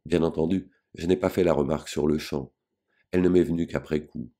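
Very deep-voiced man reading a novel. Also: steady tone, warm tone. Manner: measured, grave first-person reading. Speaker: audiobook reader. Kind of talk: literary audiobook narration.

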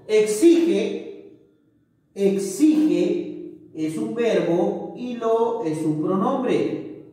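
A man's voice: sits high, warm tone, far from the mic. A male teacher explaining a grammar lesson patiently, often checking with his students by asking if they follow. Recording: echoey room, voice from off-mic.

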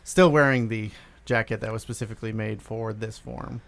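A man's voice: fairly low pitch, steady tone, moderate pace, vocal fry, a bit bright. A man playing a tabletop role-playing game, casually describing what his character does.

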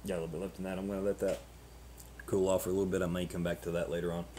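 A man in his thirties chatting casually and unscripted to camera as a vlogger, halting and ruminative, often repeating words, on noisy webcam audio. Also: sits low, level tone, dark tone. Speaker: pipe-smoking vlogger.

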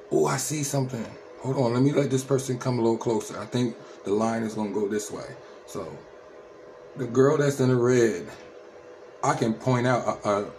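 A man's voice: medium pitch, darkish tone, slight background noise. A man in his thirties from New Jersey with an American accent, giving casual, slangy reaction commentary. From Trenton, New Jersey, USA. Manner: slangy, repetitive tag questions. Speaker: reaction video host.

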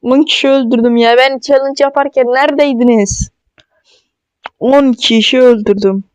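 A man giving casual, excitable gameplay commentary, joking and talking straight to his viewers. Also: very high voice, moderate pace, clean tone, no echo. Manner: chatty and excitable, jokes and talks straight to viewers. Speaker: mobile gaming streamer.

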